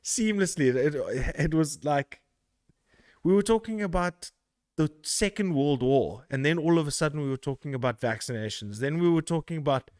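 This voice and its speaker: A man's voice: on the high side, lively intonation, moderate pace, a little mellow, no room sound, clean studio sound. A man from South Africa hosting a podcast in casual chat, rambling, laughing and swearing loosely. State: out of breath. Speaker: podcast host.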